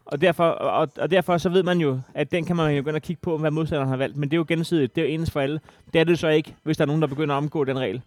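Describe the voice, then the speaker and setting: A man's voice: a little high, fairly even intonation, hardly any pauses, darkish tone, no echo. A man co-hosting a podcast, arguing his point in a heated casual debate and pressing the others with pointed questions. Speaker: podcast co-host.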